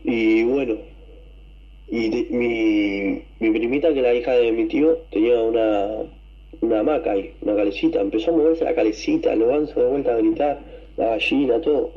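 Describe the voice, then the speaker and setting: Argentine guy rambling through a story, mid pitch, muffled radio sound, keeps coughing. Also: moderate pace. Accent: Argentine Spanish. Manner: excited, rambling, swears, coughs and clears throat. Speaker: caller telling a story. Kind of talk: casual storytelling.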